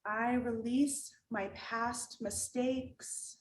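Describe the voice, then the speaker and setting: A woman with a fairly high voice guides a meditation, calm and gentle, giving slow instructions separated by long pauses. She works as a meditation guide and art teacher. The recording carries a roomy echo, with music playing underneath.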